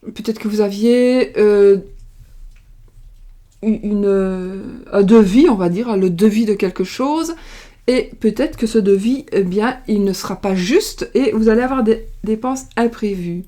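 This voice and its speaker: A middle-aged French woman lays out cards on a casual tarot livestream, speaking a little slowly in a mid-range voice that stays mellow and soft, never sharp. She rambles, circles back and stumbles over words with lots of fillers and restarts, picked up on a webcam or desk mic like a video call.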